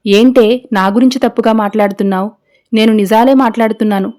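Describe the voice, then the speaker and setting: A domineering middle-aged mother-in-law who hurls accusations in a warm, fairly high voice, as a woman narrator puts her on. She scolds sharply and will not let go. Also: steady tone, quick pace, close to an everyday voice. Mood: accusing.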